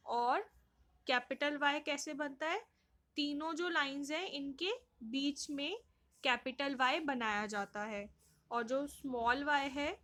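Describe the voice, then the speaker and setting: Woman teacher for small kids, Indian English accent, high voice, unhurried, repeats everything patiently. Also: sharp tone. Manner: slow, patient, repeats questions and answers for young children. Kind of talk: online class lesson.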